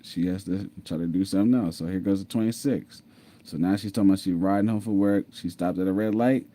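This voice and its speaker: He talks fast in a low, warm voice with fairly even intonation, telling viewers about his own life over screen share. Along the way he repeats himself, laughs and drops in "mind you."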